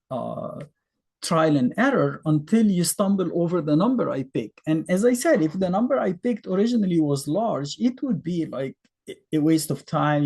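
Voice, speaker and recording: Speaking in a husky, mellow voice whose pitch swings up and down, this Egyptian-accented math teacher in his fifties, native in Arabic, explains concepts casually. He's conversational, thinking out loud with fillers and frequent rhetorical questions.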